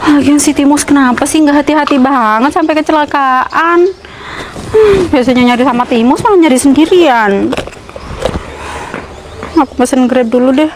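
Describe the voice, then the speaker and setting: A woman acting as a demanding young woman in a short drama film, chatty and pushy, with a somewhat high voice. Faint ambient noise sits behind her. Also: normal speed, long pauses, close to an everyday voice, poor audio. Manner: chatty, pushy, talking to herself and on the phone. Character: demanding young woman pressing a sick boyfriend for money.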